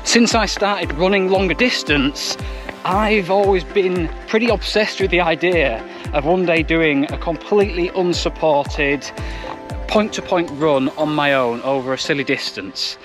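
A man's voice: a little high, a little slow, music in the background. A young man chatting casually to camera while out running on a trail. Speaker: running vlogger. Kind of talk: casual vlog talk to camera. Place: outdoors on open moorland trails. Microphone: action camera held at arm's length.

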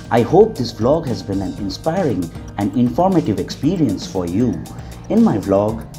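A man reading scripted nature documentary narration in a measured, formal way. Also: mid-range voice, dark tone. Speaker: wildlife vlog narrator.

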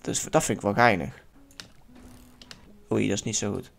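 A man giving casual let's-play commentary in a lively way, swearing now and then and yelling at near misses. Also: lowish voice, normal speed, gravelly, faint music behind. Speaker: gaming YouTuber.

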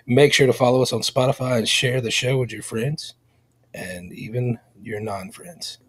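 A man co-hosting a podcast, giving a smooth, announcer-like promo read. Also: medium pitch, moderate pace, fairly bright tone. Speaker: podcast co-host.

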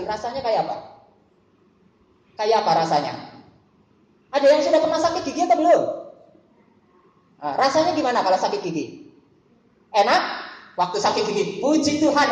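A woman's voice: a little high, a little mellow. Echoey woman preaching to students. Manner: asks the listeners questions. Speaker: preacher at a school worship service. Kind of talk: sermon to students. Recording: echoey room.

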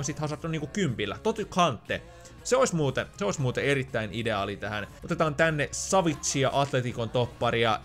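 A man's voice: mid-range voice, a bit bright. A man giving casual gameplay commentary, thinking aloud with chatty, joking asides. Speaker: gaming YouTuber.

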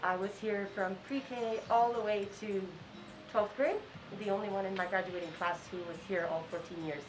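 Recorded roughly and from a distance, with music in the background, a woman in her twenties from Kenya answers interview questions on an outdoor school campus. A school counseling intern, she is earnest, using fillers and restarts, and speaks at a medium pitch with fairly even intonation and a moderate pace.

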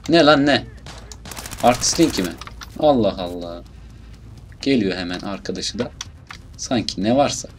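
A young man with a Turkish accent casually commentating his gameplay, muttering, swearing at enemies and bursting out loudly now and then. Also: low voice, expressive, normal speed, pauses often, slight background noise. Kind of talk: casual let's play commentary.

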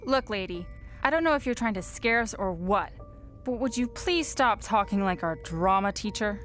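A woman's voice: mid-range voice, expressive, normal speed, fairly bright tone, faint music behind, natural voice. An actress playing a tough, sarcastic and blunt teenage troll girl in a cartoon. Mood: defiant. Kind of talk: animated cartoon dialogue.

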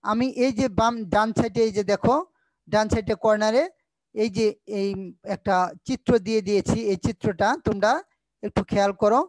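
A woman teacher with a Bangladeshi Bengali accent giving a recorded school lesson, patiently repeating each point and sounding out words slowly. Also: medium pitch, fairly even intonation, a little mellow, no echo, low-quality recording.

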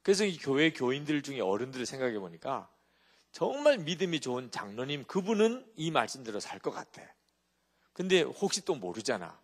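A man's voice: medium pitch, fairly quick, husky. A male pastor giving a sermon, telling stories with animation and often checking in with his listeners. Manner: animated storytelling with rhetorical check-ins to the congregation.

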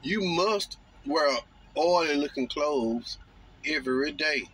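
A man talking casually from his parked truck cab, drawling and mocking with slow, emphatic phrases, recorded on a phone on the dashboard. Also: fairly high pitch, fairly bright tone, slightly rough. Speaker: truck driver vlogger. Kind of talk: casual monologue.

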